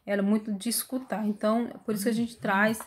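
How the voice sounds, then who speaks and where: A woman's voice: mid-range voice, level tone, brisk. A woman lecturer teaching an online class from home, recorded on her phone. She reads long lists aloud and explains them in a loose, spoken way. Her delivery is full of fillers and phrases she breaks off and starts again. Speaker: university lecturer.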